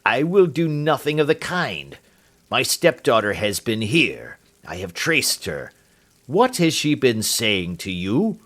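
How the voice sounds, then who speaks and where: A man's voice: medium pitch, animated, slow, hardly any pauses. A man voicing a fierce, furious old man who blusters and snarls threats. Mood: angry.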